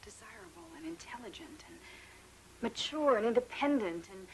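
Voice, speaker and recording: A sardonic, defiant patient. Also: female voice, fairly high pitch, huge pitch swings, normal speed, creaky, slight background noise, heavily acted, rough recording. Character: bitter, witty woman in psychiatric ward. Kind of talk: 1970s TV movie acting. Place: hospital ward room.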